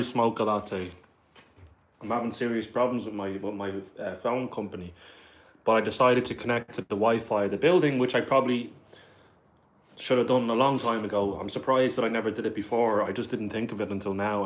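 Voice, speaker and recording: A man's voice: lowish voice, fairly even intonation, fairly quick. A man with a Dublin Irish accent hosting a casual livestream, reading viewer questions aloud and answering them with lots of "like" and "bro". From Ireland. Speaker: livestream host.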